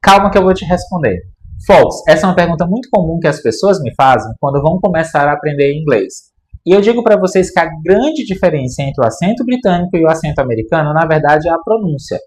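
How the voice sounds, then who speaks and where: A fairly high-voiced Brazilian man, a native Portuguese speaker, gives an online English lesson. He explains with enthusiasm and talks straight to his viewers. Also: expressive, fast. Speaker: English teacher.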